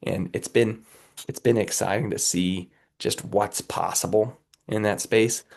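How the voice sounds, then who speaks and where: A man with a cold speaks as an interview guest, his voice low and gravelly with a raspy edge. He talks earnestly and motivationally, repeatedly checking in with the listener. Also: steady tone, a little slow, a little mellow. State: has a cold, under the weather. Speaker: guest, company executive.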